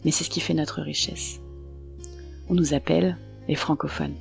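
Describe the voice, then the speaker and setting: A woman hosting a podcast, reading a measured, scripted introduction. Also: low voice, vocal fry, soft background music. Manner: measured, even narration. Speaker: podcast host. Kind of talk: scripted narration.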